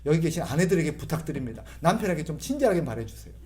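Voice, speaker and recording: A man's voice: a little high, big pitch swings, rapid-fire, darkish tone. A middle-aged male pastor giving a humorous sermon, imitating voices and having the congregation repeat phrases after him.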